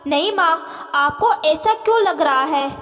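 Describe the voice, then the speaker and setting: A woman's voice: high-pitched, animated, unhurried, fairly bright tone, soft background music. A woman voicing a hurt young married daughter who hesitantly confides her troubles, in a reverberant room. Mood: evasive.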